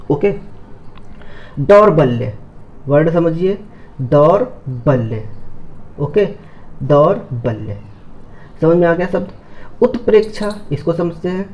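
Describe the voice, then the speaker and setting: A man teaching a spelling lesson, spelling out each word slowly, repeating it and asking whether students understood. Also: high-pitched, warm tone, highs cut off. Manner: slow, repeats each word several times, checks understanding.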